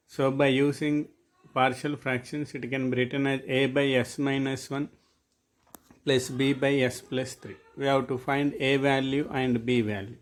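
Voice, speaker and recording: A man's voice: medium pitch, level tone, a little slow. A man with an Indian Telugu accent, a native Telugu speaker, teaching a maths lesson and dictating formulas step by step. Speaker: mathematics lecturer. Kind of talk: classroom-style maths lesson.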